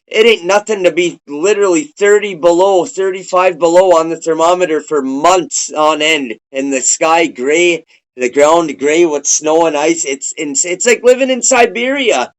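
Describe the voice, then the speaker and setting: A man's voice: a little high, normal speed, rough recording. A man interviewing a guest over a video call, laid-back and rambling, swearing casually. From Minnesota.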